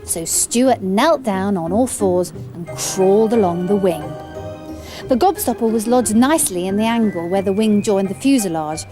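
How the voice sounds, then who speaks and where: A woman reading children's stories in an expressive, scripted storytelling style. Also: medium pitch.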